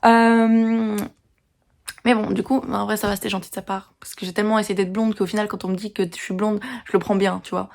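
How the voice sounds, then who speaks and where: A teenage girl from France telling a story in a chatty, animated vlog, venting about her day. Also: medium pitch, fast talker, creaky, few pauses. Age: teens. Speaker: vlogger.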